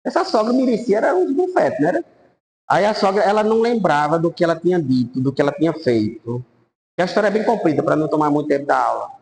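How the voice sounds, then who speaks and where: Man, priest, lively storytelling, highish voice. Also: quick pace, vocal fry, low-quality recording. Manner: animated anecdotes, voice rising and falling. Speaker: priest teaching a Bible course.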